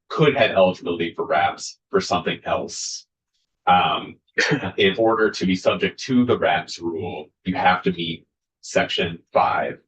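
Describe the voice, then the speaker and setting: A man explaining a bill's sections to a legislative committee, careful and halting, with many fillers. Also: deep voice, a bit bright, low-quality recording. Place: state senate committee room.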